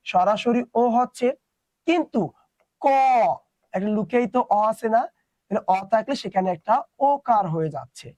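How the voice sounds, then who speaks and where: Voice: mid-range voice, dry recording. Teacher doing an exam prep class, quizzes then answers itself, dry voice no room. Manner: mixes English words into the explanation. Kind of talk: online exam-prep lesson.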